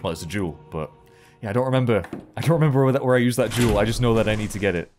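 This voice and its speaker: A man's voice: fairly low pitch, rapid-fire, music in the background. A man in his thirties giving casual, jokey, sweary let's play commentary, thinking aloud as he goes. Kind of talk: casual horror game commentary.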